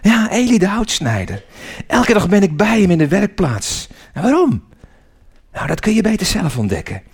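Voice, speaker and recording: A man's voice: high-pitched, wildly swooping pitch, normal speed, breathy edge, voice pushed up, exaggerated voice. A man voicing a cheerful, carefree wooden girl who talks in a light, breezy way.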